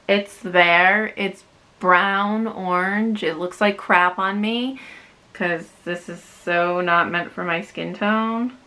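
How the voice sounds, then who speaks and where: Young woman, beauty vlogger, casual makeup review, crisp bright voice, chatty, self-deprecating. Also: mid-range voice.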